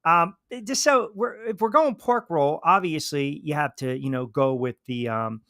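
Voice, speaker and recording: A man co-hosts a sports talk show, teasing his partner in loose, playful banter. His voice sits a little higher than most men's. The sound is dry and close, without room echo. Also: normal speed, bright, forceful tone.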